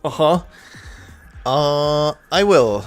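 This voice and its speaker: A man's voice: a little high, lively intonation, drawn-out words, soft background music. A man doing casual gameplay commentary as a streamer, with dry, offhand reactions.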